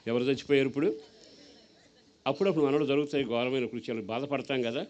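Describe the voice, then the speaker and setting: A man's voice: medium pitch, quick pace, lo-fi sound. A man with a Telugu accent preaching a sermon, telling a story with voiced characters and putting questions to his listeners. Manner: rises to loud exhortation.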